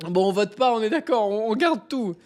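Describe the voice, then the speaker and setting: A man chatting on a live stream, excitable, stammering and repeating himself as he keeps breaking into laughter. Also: high-pitched, normal speed, faint music behind. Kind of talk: casual live-stream chat.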